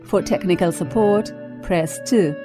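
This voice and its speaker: A woman reading a recorded phone menu message in a polite, clear, evenly paced way. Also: lowish voice, a little slow, music in the background. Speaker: voice-over artist.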